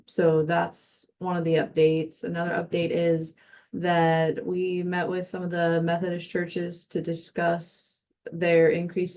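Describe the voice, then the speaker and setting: A woman's voice: lowish voice, mellow, slight background noise. A woman chairing a meeting, giving updates in an informal way.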